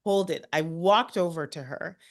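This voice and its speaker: A woman with a somewhat low voice tells personal stories as a guest speaker. Her delivery is animated and heartfelt, full of small restarts and asides, with the easy flow of someone used to speaking to groups. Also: normal speed. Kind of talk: personal storytelling in a career talk.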